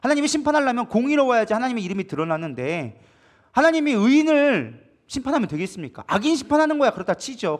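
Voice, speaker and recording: A male pastor preaching at a prayer meeting, asking the congregation questions and acting out dialogue as he goes. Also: very high voice. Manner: animated, asks the congregation questions and acts out dialogue. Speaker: co-lead pastor.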